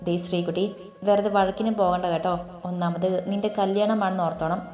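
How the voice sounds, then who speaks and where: A woman's voice: mid-range voice, fairly even intonation, a little fast, a little mellow, lightly acted. A woman doing a firm scolding mother. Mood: stern. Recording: roomy echo, faint background music.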